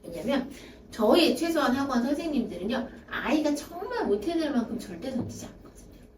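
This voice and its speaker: A woman's voice: sits high, big pitch swings, a little fast, darkish tone. A woman academy director giving a talk to parents, explaining her points by acting out students' excuses in their voices. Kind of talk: parent information session talk. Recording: echoey room, voice from far off, faint hiss.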